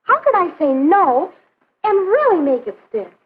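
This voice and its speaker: A woman's voice: very high voice, big pitch swings, a little slow, exaggerated voice. A young woman acting an outspoken, skeptical teenage girl with an emphatic manner in a 1950s educational film. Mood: skeptical, earnest. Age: teens or young adult. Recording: narrow phone-like 1950s film soundtrack.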